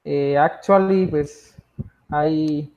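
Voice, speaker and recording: Very slow, hesitant Spanish-accented man. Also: on the high side, steady tone, a little mellow, muffled recording. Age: 30s. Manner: halting, hesitant beginner with many eh fillers. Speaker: student.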